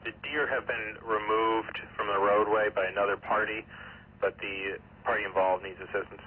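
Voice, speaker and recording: A man's voice: fairly low pitch, flat delivery, normal speed, slightly rough, narrow, tinny audio. A man handling emergency radio traffic over a two-way radio in a procedural manner. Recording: noisy scanner radio with clicks.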